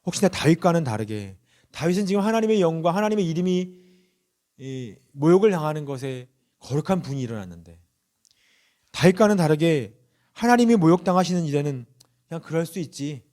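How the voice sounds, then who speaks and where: A male pastor giving a Sunday sermon, speaking earnestly, telling stories and asking the congregation questions. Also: a little fast. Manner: lively rising and falling pitch.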